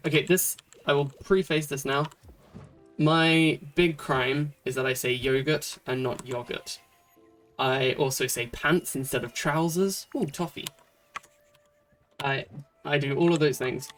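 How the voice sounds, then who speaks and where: A chatty streamer from Britain talks through a cozy game at a desk mic, thinking aloud with plenty of ums and restarts. The voice sits at an ordinary middle pitch. Faint game music and keyboard taps run behind. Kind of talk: casual gameplay commentary.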